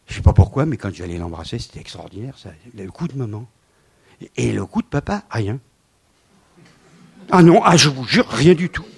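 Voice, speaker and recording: A man in his seventies giving a lively lecture with slides, swinging from loud emphasis to quiet asides. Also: medium pitch, moderate pace, gravelly, long pauses, breathy edge. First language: French. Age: 70s.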